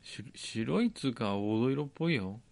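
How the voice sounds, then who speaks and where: A man co-hosting a podcast in a Tochigi accent, with a voice of ordinary middle pitch. He reads listener letters in a polite, even way, then slips into loose, joking chatter. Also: moderate pace, vocal fry. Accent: Tochigi dialect. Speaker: podcast co-host. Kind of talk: reading listener mail, casual banter.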